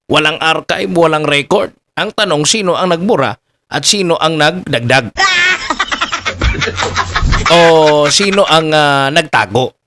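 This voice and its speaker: A man's voice: a little high, very noisy. A Filipino man hosting a political commentary channel, talking casually with many fillers and rhetorical questions to his viewers. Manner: repeatedly addresses listeners as "mga kaboses", filler-heavy, rhetorical "Ha?". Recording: talk with music playing behind.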